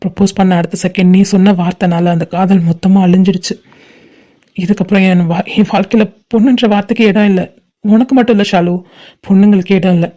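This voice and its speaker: Woman doing a hurt young guy in a cartoon, dark mellow tone, keeps saying please. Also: medium pitch, steady tone, fast, close to an everyday voice. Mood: pained. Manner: pleading, repeats please. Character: heartbroken young man refusing his love. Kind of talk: fan cartoon voice acting.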